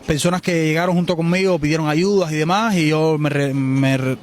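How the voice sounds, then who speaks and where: This Cuban man in his twenties keeps a steady tone and a fairly quick pace as he answers a street interview outside in the city. His voice is a little high, his accent Cuban Spanish, and his manner forceful and outspoken.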